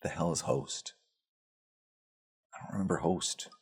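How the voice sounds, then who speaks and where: A man with a very low voice running through quick film reviews. He talks casually, with plenty of ums, restarts and dry sarcasm. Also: husky. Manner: blunt, sarcastic, with frequent fillers and restarts. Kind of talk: casual spoken movie reviews.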